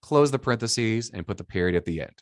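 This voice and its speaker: A man's voice: fairly low pitch, expressive, quick pace, no echo, studio quality. A man giving a classroom lecture as an English instructor, dictating examples item by item and naming each punctuation mark. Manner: often ends points with a checking "right?". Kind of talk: classroom lecture on citation rules.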